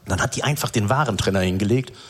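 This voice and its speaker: A man's voice: on the low side, fast, breathy edge. A man hosting a comedy show on stage, telling stories and acting out the people in them. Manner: animated storyteller, acts out quotes. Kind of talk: stand-up storytelling and hosting. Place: stage before a live audience.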